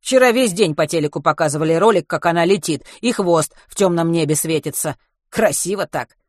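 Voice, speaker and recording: Woman doing a loud folksy ambulance driver. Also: lowish voice, a little fast, no room sound, clean studio sound, close to an everyday voice. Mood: explaining. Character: gruff chatty male ambulance driver.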